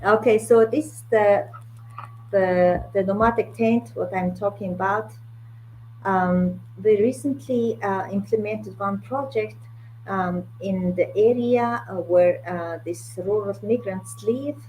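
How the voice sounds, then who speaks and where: A woman's voice: medium pitch, takes it slowly, darkish tone, poor audio. A woman with a Mongolian accent speaking English as a second language, hesitant and searching for words as a guest in an online talk. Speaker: guest, art curator. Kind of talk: online talk about own work. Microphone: video call. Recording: video call with faint noise and hum.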